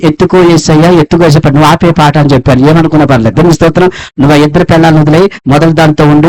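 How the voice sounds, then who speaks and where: A man's voice: a little high, darkish tone, rough recording. A man from India preaching a sermon, asking rhetorical questions and calling for praise in fervent, rising exhortations. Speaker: pastor.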